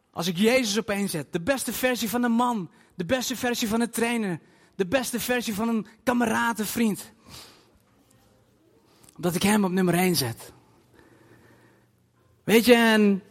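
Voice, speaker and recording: A man preaching a sermon to a congregation in a church hall, emphatic and animated, with bursts of loud emphasis and English phrases dropped in. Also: high voice. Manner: scatters English phrases into his talk. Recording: long hall reverb.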